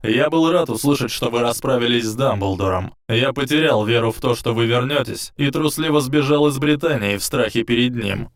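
A man's voice: mid-range voice, normal speed, few pauses, voice pushed up, lightly acted. A man doing a blunt, apologetic masked henchman. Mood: candid. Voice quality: frank, apologetic.

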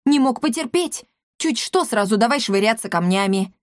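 A woman's voice: a little high, animated, normal speed, dry recording, studio quality, close to an everyday voice. A woman voicing a grumpy, sarcastic male talking cat in a storybook reading, grumbling and mocking.

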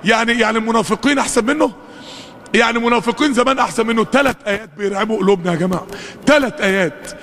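High, fast Egyptian preacher in a hall. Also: male voice, a bit bright. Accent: Egyptian Arabic. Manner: fervent, rhetorical questions, calls to the congregation. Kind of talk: mosque sermon. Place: mosque hall. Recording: long hall reverb.

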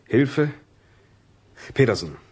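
A radio operator reading out reports, husky and flat, radio play. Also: male voice, medium pitch, slow pace, exaggerated voice. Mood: factual. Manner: dry, report-like. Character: matter-of-fact male radio operator. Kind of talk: radio drama acting.

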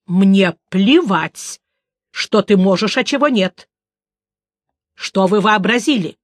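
A woman voicing a brash, indignant male devil with a shrill, blustering bleat in an audiobook reading. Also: animated, slow pace, dry recording. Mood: furious.

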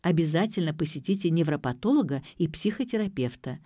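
Woman voicing a calm doctor, measured, explaining, mellow tone, dry sound. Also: low voice, no echo.

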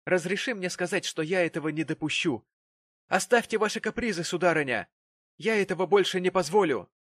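A man's voice: mid-range voice, normal speed, no room sound, lightly acted. Pompous middle-aged father read by a man, sanctimonious storybook voice, dry close sound. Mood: angry. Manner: sanctimonious, turning to angry shouting.

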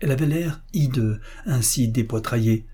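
A man narrating a literary story as an audiobook, reading in measured phrases. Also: medium pitch, warm tone, slightly rough.

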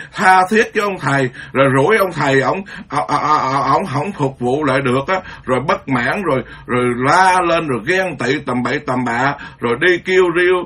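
A Buddhist monk giving an informal dharma talk, rambling and conversational, stumbling over repeated words. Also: male voice, on the high side, bright, forceful tone, breathy edge.

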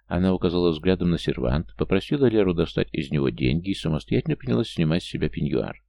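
A man reading an audiobook in a measured, even scripted narration. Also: low voice, gravelly, no room sound.

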